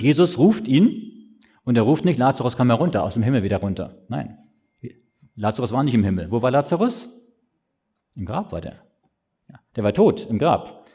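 Guy preaching, kinda husky, asks stuff then answers it himself. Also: medium pitch, sing-song, dark tone. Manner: explains slowly, asks questions and answers them himself. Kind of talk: sermon.

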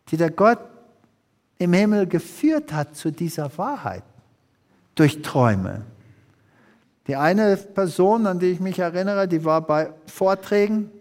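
A man preaching a sermon as an evangelist, telling a story and acting out the quoted speech of its characters. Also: fairly high pitch. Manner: animated storyteller who acts out quoted speech. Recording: echoey hall reverb.

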